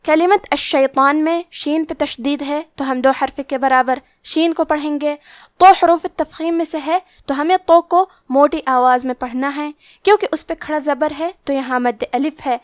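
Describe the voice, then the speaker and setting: A woman teaching Quran recitation, explaining the rules of each letter step by step and reciting verses slowly. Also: high-pitched, steady tone, no echo, clean studio sound. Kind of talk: tajweed lesson with slow recitation.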